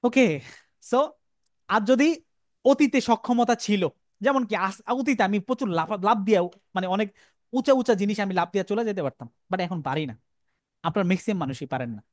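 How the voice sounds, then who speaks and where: A man's voice: sits high, moderate pace, long pauses, no room sound, clean studio sound. A male English teacher giving a classroom lecture, repeating phrases and asking the class questions.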